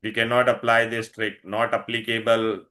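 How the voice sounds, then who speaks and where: His voice is lowish and sharp, with little pitch movement and a moderate pace. A man with an Indian accent, he teaches an online science lesson in an instructive, repetitive way, quizzing pupils and frequently confirming they follow.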